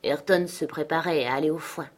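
A woman narrating a novel aloud in a steady, measured reading style. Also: low voice. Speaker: audiobook reader. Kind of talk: scripted narration.

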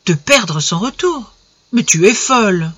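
A woman's voice: mid-range voice, lively intonation, unhurried, fairly bright tone, husky, no room sound. A woman reading aloud, voicing a cautious male lover who reasons earnestly with his mistress. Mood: pleading.

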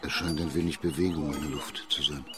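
In a radio crime play, an actor voices a shrewd, middle-aged judge from imperial China, speaking in a formal, measured and authoritative way. His male bass voice is husky and steady in tone, and his mood comes across as calm and probing.

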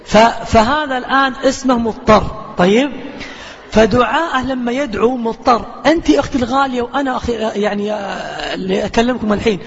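A quick, high-voiced man preaches, animated and earnest. He sounds muffled, with a long reverb trailing through a big lecture hall. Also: vocal fry. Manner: animated storyteller, earnest exhortation. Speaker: preacher answering questions. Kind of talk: lecture with audience Q&A.

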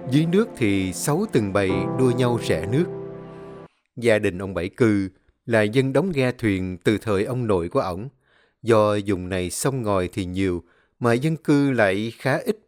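A man's voice: lowish voice, a little mellow. Solemn male ghost-story narrator. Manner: measured, solemn reading with slow pauses. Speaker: storyteller of a channel. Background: faint music.

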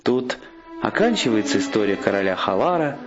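A man reading a fairy tale aloud in a measured, expressive storyteller's manner. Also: fairly low pitch, highs cut off, over music.

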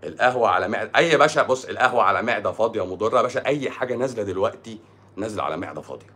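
A man's voice: on the low side, animated, rapid-fire, sharp tone, husky. A man with an Egyptian accent, a doctor answering viewer comments on a live stream in a sarcastic, mocking way. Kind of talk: casual live-stream talk.

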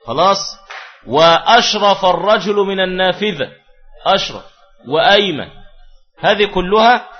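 A man teaching Arabic grammar in a classroom lesson, explaining step by step and answering his own questions. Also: a little high. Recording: dull lo-fi recording with faint music.

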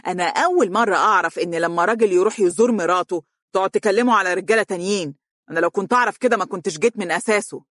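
A man's voice: high-pitched, expressive, fairly quick, fairly bright tone, dry recording, studio quality. A narrator voicing an arrogant young male star with an Egyptian accent. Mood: scornful. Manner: scornful, defensive.

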